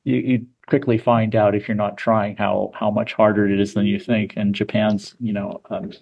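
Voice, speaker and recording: An older man hosting an interview, measured and attentive, asking questions and adding short affirmations. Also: lowish voice, level tone, vocal fry, breathy edge, muffled recording. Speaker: podcast host.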